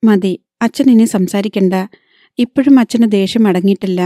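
A woman voicing a sad, patient young woman pleading gently with her father in an audiobook. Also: medium pitch, normal speed, dry recording, studio quality, natural voice.

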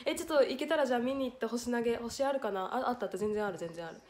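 Young female idol, Hiroshima accent, slightly high voice, chatty and giggly, talking to viewers from home. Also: racing, darkish tone. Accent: Hiroshima Japanese. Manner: chatty, reads viewer comments aloud, giggly. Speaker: idol livestreamer. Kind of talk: casual livestream chat.

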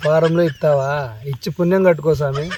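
A man playing a nephew in a village comedy skit, exasperated, pleading and shouting. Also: a little high, fairly even intonation, quick pace, noisy background.

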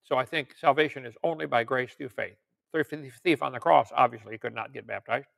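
This preacher and creationist lecturer, an older man, reads out articles and viewer questions in a relaxed teaching sermon sprinkled with folksy jokes. He speaks briskly in a mid-range, creaky voice with a fairly bright tone.

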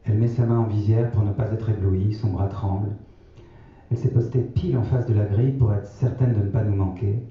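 A man reading his own novel aloud in a measured, sober way. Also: on the low side, fairly even intonation. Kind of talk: literary reading. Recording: echoey, distant, slightly dull.

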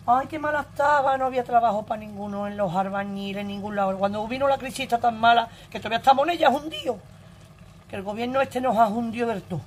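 A woman's voice: a little high, fast, a little hiss or hum. A woman in her forties with an Andalusian Spanish accent, telling her own story to her viewers in a blunt, earthy, emotional way and swearing freely. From Andalusia, Spain. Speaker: vlogger.

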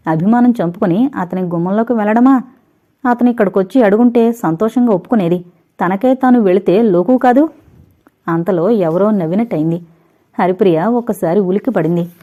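A woman narrating a novel in a steady, even storytelling manner. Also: mid-range voice. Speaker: audiobook narrator. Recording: dull lo-fi recording.

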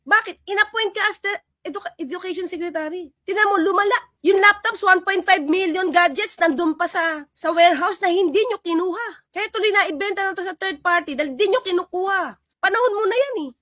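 Woman vlogger, high and bright, sarcastic running commentary, dry close sound. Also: fairly quick, hardly any pauses, no echo. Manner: animated, sarcastic, replays and reacts to clips. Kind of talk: casual political commentary.

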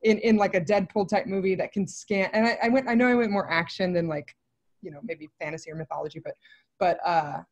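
Her voice is lowish and fairly quick as this film writer and director, in her thirties, is interviewed over video from an indoor room. She wanders casually through her answers, thinking out loud with lively digressions.

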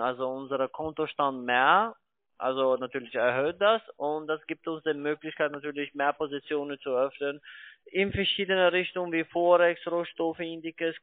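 Over a thin, band-limited phone line, a call centre investment salesman with a higher voice makes his pitch in German, which isn't his first language. His phrasing is stumbling, long-winded and repetitive, and the recording is dry.

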